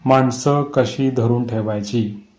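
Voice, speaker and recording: A man voicing a grave, haunted old village man who speaks slowly in a lowered voice. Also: steady tone, a little mellow, natural voice.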